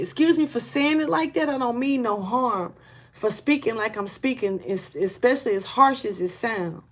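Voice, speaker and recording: A woman whose voice is on the high side reads tarot in a casual, spiritual session. She rambles bluntly with slang and curses, urgent and earnest, often going back over things and starting again.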